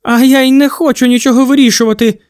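A man reading an audiobook, voicing a distraught teenage boy who shouts in rage and grief. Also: extremely high pitch, steady tone, moderate pace, dry recording, clean studio sound, pitched above the performer's own voice. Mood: furious desperate.

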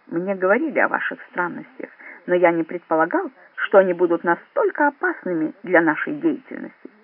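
A man's voice: high-pitched, big pitch swings, a little fast, exaggerated voice. A man voicing a blustering, pompous Soviet spy chief. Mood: indignant. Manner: blustering, shouting, self-righteous. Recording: dry, phone-like narrow sound.

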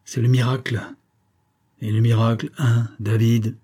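Man doing a gruff, exasperated doctor. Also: mid-range voice, level tone, measured pace, warm tone. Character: irritable middle-aged male neurologist.

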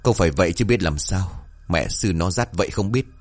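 Brusque village cop, quick and irritable, as a male narrator plays him. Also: low voice, lively intonation, soft background music. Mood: gruff. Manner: brusque, scolding. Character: gruff rural policeman, blunt and irritable.

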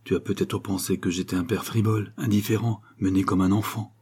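A man's voice: on the low side, steady tone, fairly quick, mellow, slightly rough. A man playing a troubled middle-aged painter father, talking lightly and reassuringly over his strain.

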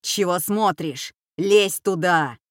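A woman's voice: fairly low pitch, slow, no echo, clean studio sound. A woman voicing a harsh, bossy old woman who leads a gang and barks orders. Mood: furious. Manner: barking orders, shouting. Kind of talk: audiobook character voice.

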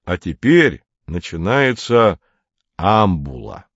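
A man reading aloud, voicing a calm, firm teenage boy who speaks in a measured way. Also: deep voice, breathy edge, no echo, highs cut off, heavily acted.

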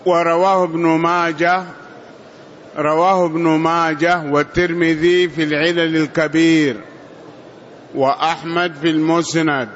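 A man reading a classical text aloud for a teacher in a lesson, halting and stumbling over names. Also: fairly high pitch, little pitch movement, a bit bright. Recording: dull lo-fi lesson recording.

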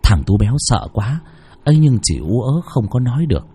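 A man's voice: very animated, brisk, mellow, husky. A man narrating a horror story dramatically. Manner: dramatic, shifting pitch for effect.

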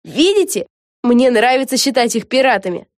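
A woman's voice: a little high, very animated, normal speed, dry recording, studio quality, pitched above the performer's own voice. A woman voicing an eager young girl witch who is an obsessive superfan and plays pirate ship captain in an audiobook. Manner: eager, bubbly. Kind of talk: audiobook character voice.

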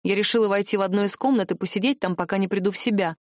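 A woman reading a first-person audiobook in a steady storytelling manner. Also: medium pitch, very fast, dry recording, studio quality. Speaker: audiobook narrator.

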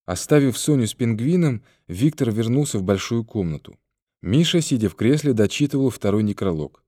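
A man reading an audiobook in a calm, even storytelling manner. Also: medium pitch, a little fast, dry recording, clean studio sound. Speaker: audiobook reader. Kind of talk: scripted narration.

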